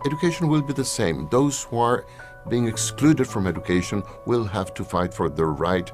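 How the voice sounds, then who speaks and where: A man's voice: on the low side, animated, normal speed. A man speaking earnestly in a promotional video, with small restarts as he thinks. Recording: voice over clear music.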